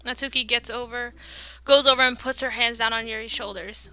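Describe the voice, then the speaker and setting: A woman's voice: fairly high pitch, fairly even intonation, a little fast, sharp tone, faint music behind. A woman reading a visual novel's narration aloud and bossily scolding her friends during a casual playthrough. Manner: bossy, scolding friends over the mouse.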